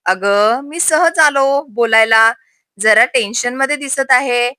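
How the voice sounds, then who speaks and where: A woman's voice: fairly high pitch, takes it slowly, sharp tone, dry recording, clean studio sound. A woman voicing a cheerful, teasing young man who jokes with his friend's wife. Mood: probing. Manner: teasing, playful.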